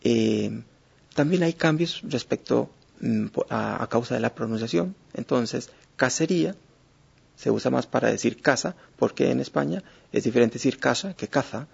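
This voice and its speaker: A man teaching a lesson, speaking in a measured way with many hesitations and fillers. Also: medium pitch, expressive, creaky, darkish tone, slightly rough. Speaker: Spanish teacher. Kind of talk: explanatory lesson. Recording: dull lo-fi recording.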